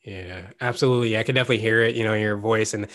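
A man's voice: fairly low pitch, fairly even intonation, rapid-fire, fairly bright tone. A man hosting a business podcast, upbeat and chatty, often repeating words and restarting phrases as he speaks. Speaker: podcast host. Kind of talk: podcast interview.

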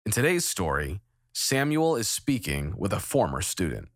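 A man narrating a scripted devotional story in a measured storytelling manner, recorded as a studio voice-over. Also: lowish voice, no echo. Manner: measured storytelling with lively intonation. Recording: narration over clear background music.

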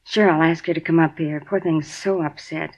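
Heard through a dull, lo-fi 1950s radio broadcast, a woman's voice sits low and sounds a little mellow, steady in tone and moderate in pace. She's an actress playing a flustered, chatty middle-aged woman managing an apartment building, who rambles, repeats herself and turns defensive in this radio drama.

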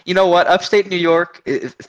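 On a casual podcast, an army veteran in his twenties from Oregon tells his story as a guest, rambling with lots of restarts and fillers. His voice is high-pitched and his pace moderate, and the recording sounds muffled.

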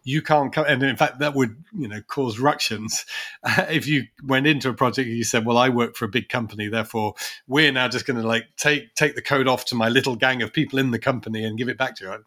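A man's voice: medium pitch, steady tone, quick pace, sharp tone. A man co-hosting a podcast, talking through ideas thoughtfully with many restarts and asides. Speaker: podcast co-host. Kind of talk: conversational policy discussion.

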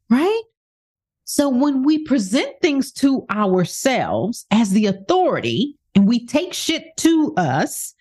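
A woman with a voice on the high side and a darkish tone delivers a motivational monologue as a self-help speaker. She speaks emphatically and poses rhetorical questions to the listener.

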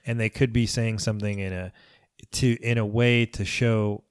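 A man's voice: lowish voice, fairly even intonation, moderate pace, clean tone. A man in casual podcast conversation who talks emphatically, often restarting and cutting in. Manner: emphatic, restarts a lot, interjects. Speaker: podcast host.

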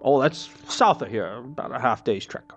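A gruff, salty old sailor from a fantasy tabletop game, acted by a man. He is friendly and talkative and draws out his words. Music plays behind him. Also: mid-range voice, expressive, moderate pace, natural voice. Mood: friendly, chatty. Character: friendly old male sailor, tavern regular.

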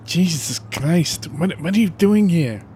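An actor playing a wary disguised arsonist who answers in hesitant, baffled fragments. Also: male voice, mid-range voice, very animated, slow pace, warm tone, a little hiss or hum.

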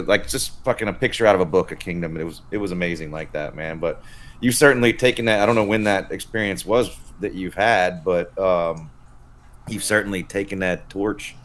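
Podcast host, man, very low voice, laid-back and casual, swears, says "man" a lot. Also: slight background noise. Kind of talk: casual conversation.

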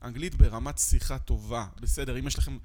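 A man's voice: mid-range voice, fairly even intonation, a crowd in the background. A male podcast host with an Israeli accent speaks in a casual interview style. He probes and sums up, bringing up practical caveats as he goes. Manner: probing, summarizing, raises practical objections.

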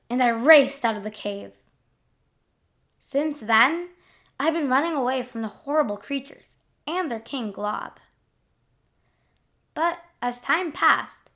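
A woman narrating a scripted first-person adventure story in an expressive diary-like manner. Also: high-pitched.

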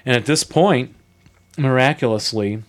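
A man co-hosting a podcast with a middle-pitched voice. He recaps a board game in an animated, story-like way, chatting casually with his co-host. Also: measured pace. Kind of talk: casual chat.

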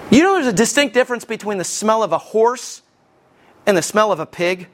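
Man, pastor, sermon, high-pitched, folksy storytelling. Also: expressive, fairly quick. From Alabama. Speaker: lead pastor.

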